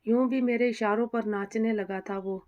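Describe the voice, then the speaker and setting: A woman plays a guilt-ridden young pregnant wife in a storybook tale, full of anxious self-reproach. Her voice sits a little high. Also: steady tone, moderate pace, lo-fi sound, close to an everyday voice. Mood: remorseful.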